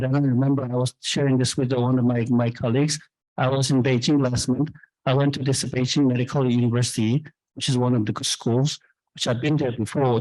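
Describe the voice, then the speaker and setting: On stage at an event, a man in his fifties from South Korea, a startup founder and CEO, fields audience questions in candid, rambling speech full of fillers and restarts. He has a mid-range, slightly mellow voice. The audio is dry and of low quality.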